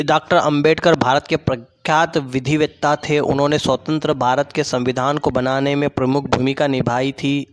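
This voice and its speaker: A man teaching an online school class, patiently explaining words and pausing so pupils can repeat them, with many restarts. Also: on the high side.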